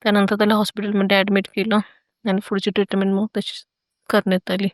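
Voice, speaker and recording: Brief: woman telling a true horror experience, even flat delivery, dry close sound. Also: medium pitch, fast talker, no echo. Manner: earnest, hesitant with fillers. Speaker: storyteller sharing her own experience. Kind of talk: first-person horror account.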